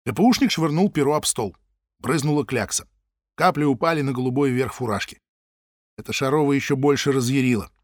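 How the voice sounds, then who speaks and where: A man narrating an audiobook in a vivid, expressive storytelling manner. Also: medium pitch, a little fast, dry recording, clean studio sound. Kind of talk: scripted narration.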